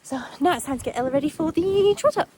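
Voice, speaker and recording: A woman's voice: high-pitched, lively intonation, fast, darkish tone. A young woman, chatting casually as a vlogger at horse stables, upbeat and rambling with fillers. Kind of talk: casual vlog narration.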